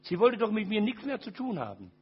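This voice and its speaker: An older man giving a personal testimony to an audience, dramatic, dropping from loud to very quiet. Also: high voice, huge pitch swings, a little fast, slightly rough, muffled recording.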